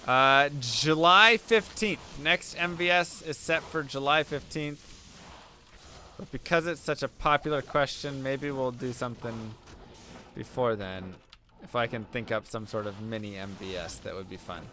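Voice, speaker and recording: Here a young man at medium pitch speaks a little slowly, his tone sharp, with a bit of hiss or hum behind him. He chats casually during a game stream, responding to viewers' questions and admitting he's losing his voice.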